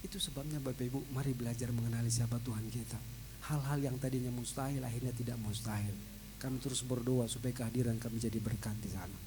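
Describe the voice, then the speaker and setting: Animated male pastor. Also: mid-range voice, quick pace, background noise. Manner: lively, animated storytelling that shouts out quoted voices. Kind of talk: storytelling sermon. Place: large church. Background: worship music.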